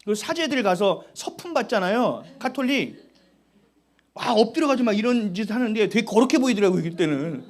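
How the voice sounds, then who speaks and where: Man, middle-aged, pastor, sermon, lively storytelling, high voice, wide melody. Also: brisk. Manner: animated storytelling, acting out family dialogue.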